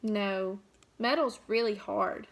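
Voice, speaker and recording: A woman teacher reading a picture book aloud and asking the children questions in a warm, child-directed way. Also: medium pitch, takes it slowly.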